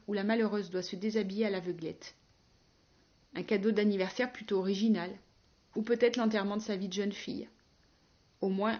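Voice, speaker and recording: A woman narrating a first-person novel in a wry, ironic and measured tone. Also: mid-range voice, a little mellow, dull audio. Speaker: audiobook narrator.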